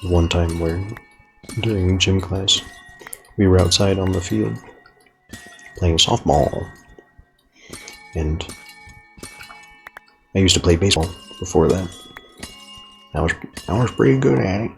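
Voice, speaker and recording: A man's voice: deep voice, unhurried, creaky, long pauses, soft background music. A young man rambling reflectively through an unedited video journal while playing a game, swearing casually now and then.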